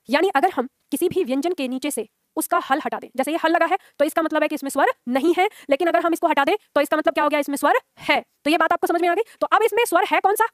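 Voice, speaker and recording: A woman's voice: sits high, dry recording, studio quality. A woman teaching a grammar lesson, explaining step by step and often checking whether her students follow. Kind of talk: classroom lecture.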